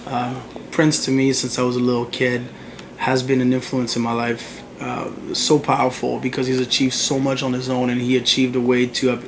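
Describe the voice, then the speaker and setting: In a relaxed interview, a young musician from the Congo speaks at a normal pace with a mid-range voice. His stories come out animated and heavy on fillers. Background crowd chatter makes the recording noisy.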